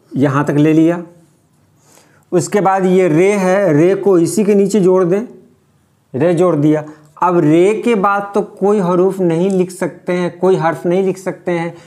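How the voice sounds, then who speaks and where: A man teaching how to write letters, explaining patiently and repeating each point slowly. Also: fairly high pitch, a little mellow. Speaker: Urdu script teacher. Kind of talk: step-by-step writing lesson.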